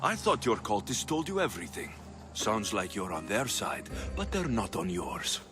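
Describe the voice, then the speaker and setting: A blunt young mercenary fighter, lively pitch, soft music under. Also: male voice, normal speed. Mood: defiant. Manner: earnest, steady, blunt. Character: young male mercenary warrior, determined. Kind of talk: video game cutscene acting. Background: game score music.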